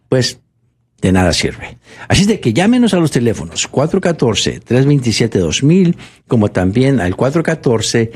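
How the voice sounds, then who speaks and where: A man's voice: lowish voice, a little mellow, breathy edge. A man talking on the radio for a bank, persuasive and repetitive, with frequent fillers. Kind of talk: radio promotional talk.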